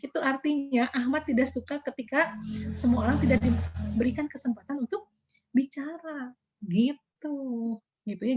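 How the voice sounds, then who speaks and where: A woman teaches an online psychology class in a high, bright-toned voice. She explains casually and slips into short acted-out example exchanges, tagging points with "gitu ya". The sound is a little dull and lo-fi, like a computer mic on a video call. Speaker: psychology lecturer. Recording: slightly dull lo-fi online lecture audio.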